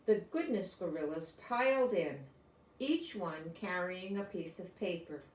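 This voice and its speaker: Her voice lowish and darkish in tone, an older American storybook reader takes her time with a children's tale, slipping in easy explanations for little ones. The recording has a roomy echo from a distant microphone.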